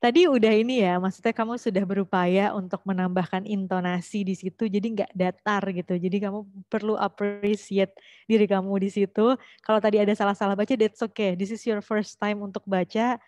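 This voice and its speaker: A woman's voice: mid-range voice, steady tone, brisk, darkish tone, no echo. Young woman, speaking coach, casual and chatty, mixes in English, dry close sound. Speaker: public speaking trainer. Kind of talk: online workshop lesson.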